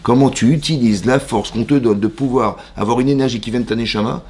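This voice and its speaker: A rabbi teaching a mixed class in a synagogue, talking at a quick clip. His voice is gravelly, with a rough fry at the bottom. He plays both sides of little dialogues and keeps asking the room questions. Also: mid-range voice, darkish tone. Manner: asks the audience rhetorical questions and acts out both sides of imagined dialogues; uses Hebrew religious terms in everyday French speech. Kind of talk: lively mixed Torah class to a congregation.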